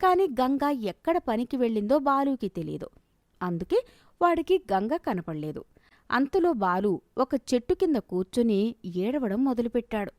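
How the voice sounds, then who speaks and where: A woman narrating a storybook cartoon in a calm, steady storytelling manner. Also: a little high, normal speed, no echo, clean studio sound.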